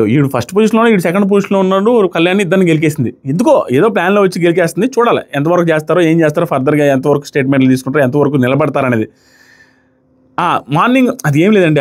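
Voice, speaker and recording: In a fairly high-pitched voice, a man gives lively, casual commentary on a reality show and acts out the contestants' quoted lines.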